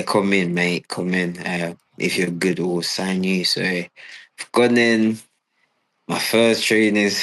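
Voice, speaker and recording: A young man from Cameroon, a footballer answering interview questions in a relaxed, hesitant way with lots of fillers. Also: deep voice, low-quality recording. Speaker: footballer guest.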